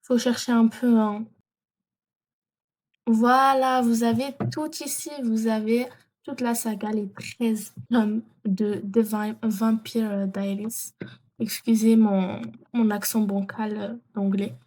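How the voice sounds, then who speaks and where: A woman talks viewers through an app in an easygoing screen tutorial. Her voice sits a little high with a soft, mellow tone. She often stalls on fillers and corrects herself as she goes. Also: little pitch movement, takes it slowly. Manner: hesitant, many fillers and self-corrections. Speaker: vlogger.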